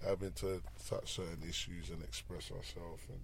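A former garage MC and rapper with a South London roadman accent tells stories casually in an interview, using street slang and frequently tagging lines with "you get me". His deep, gravelly voice is flat at a moderate pace, with slight background noise.

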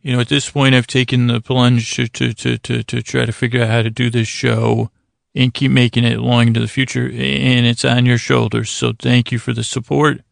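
Recorded very dry and close with no echo, this sleep podcast features a host whose mid-range voice is gravelly and extremely creaky, with a level tone. His bedtime monologue wanders, halts, and repeats words, drifting into tangents. He comes across as gently silly and self-deprecating as he rambles to help listeners fall asleep.

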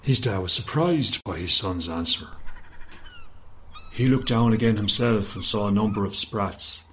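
A man narrating a children's story in a gentle, steady manner. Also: on the low side, unhurried, a little hiss or hum, poor audio.

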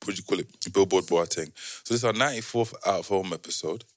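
A man with a London roadman accent hosting a podcast casually, with halting delivery and repeated words. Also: low-pitched, dry recording, clean studio sound. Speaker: podcast host.

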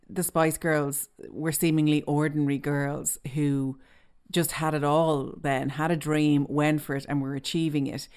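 Low-voiced woman hosting an interview. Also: clear, resonant tone. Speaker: podcast host. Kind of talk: scripted introduction then interview.

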